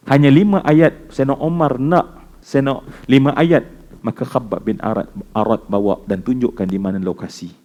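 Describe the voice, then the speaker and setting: Malaysian preacher with a mellow voice. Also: male voice, medium pitch. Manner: storytelling, swings between loud exclamations and hushed recitation. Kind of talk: mosque lecture. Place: mosque.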